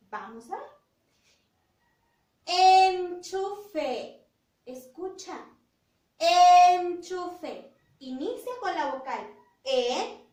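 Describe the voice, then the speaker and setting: A woman teacher leads young children through a phonics game, stretching each word out in a slow sing-song. Her voice sits high and swoops all over. It is recorded in an echoey room, a bit away from the mic. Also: fairly bright tone. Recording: roomy echo, voice from a distance.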